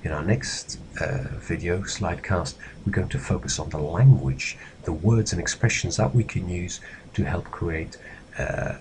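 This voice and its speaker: A man lecturing in a measured, instructive way, pausing with fillers as he explains. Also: low voice, background noise. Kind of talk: recorded lecture slidecast.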